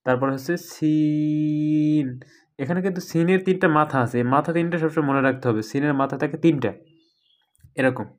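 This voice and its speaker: Man teaching letter sounds slowly. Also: on the high side. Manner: explains patiently, drawing out letter sounds slowly as examples. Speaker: Quran reading teacher. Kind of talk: recorded online lesson.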